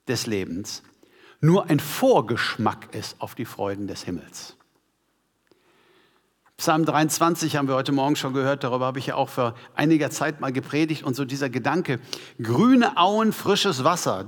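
A man preaching a sermon to a congregation, emphatic and asking them rhetorical questions. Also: medium pitch. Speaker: pastor. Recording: long hall reverb.

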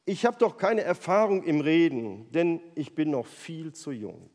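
A man plays a timid young man, unsure of himself. The pitch rides high and swoops around. Long hall reverb surrounds the voice. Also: sing-song, a little slow, a little mellow.

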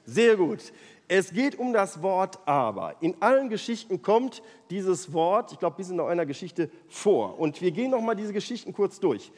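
A man in a lively, animated style, retelling Bible stories to a group as its leader. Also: high-pitched, normal speed. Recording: long hall reverb.

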